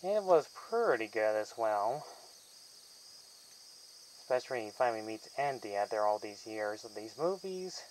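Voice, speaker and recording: A man with a fairly low voice gives a casual film review, talking in loose, rambling sentences that wander and trail off. Faint crickets chirp behind him. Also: very animated, normal speed, pauses often, slight background noise, poor audio. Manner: rambling and loosely strung, trailing off mid-thought. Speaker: movie reviewer.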